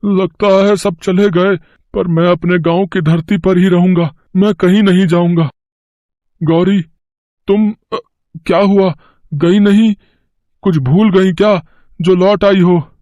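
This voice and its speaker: A man's voice: high voice, fairly even intonation, slow, pauses often, a little mellow, dry recording, lo-fi sound. A man voicing a stubborn, earnest village farmer in a cartoon, devoted to his land. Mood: resolute. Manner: earnest, emotional. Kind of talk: cartoon voice acting.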